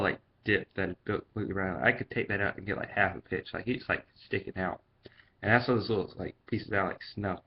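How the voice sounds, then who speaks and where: A man giving a casual, chatty product review in vlog style. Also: on the low side. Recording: dull, lo-fi sound.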